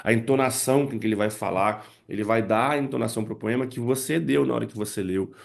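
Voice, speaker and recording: The voice is medium-pitched, fast and creaky: a man giving parents and teachers a spoken lesson on poems in English classes. He breaks it down step by step, with plenty of "né" and "tá" to check in.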